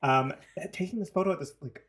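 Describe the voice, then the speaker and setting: A man's voice: on the high side, brisk. A man from New Zealand with a New Zealand accent, co-hosting a casual podcast and jumping between topics with swearing. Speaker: podcast co-host. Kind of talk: casual chat.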